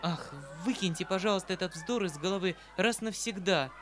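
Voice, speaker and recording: A man's voice: on the high side, moderate pace, noisy background, close to an everyday voice. A man reading as an earnest proud young woman. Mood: indignant.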